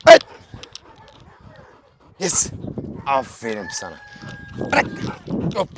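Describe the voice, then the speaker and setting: A man filming a casual farm vlog, barking short sharp commands at a dog and grumbling bluntly between them, outdoors on a farm. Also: mid-range voice, wildly swooping pitch, takes it slowly, slight background noise. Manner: blunt, grumbling colloquial talk. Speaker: dog trainer and farm vlogger.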